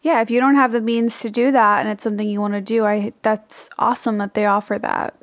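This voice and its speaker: A woman with a slightly high voice co-hosts a casual podcast. She talks in a chatty, informal way, as in everyday conversation. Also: flat delivery, fairly quick, no room sound, clean studio sound. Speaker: podcast co-host. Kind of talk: casual chat.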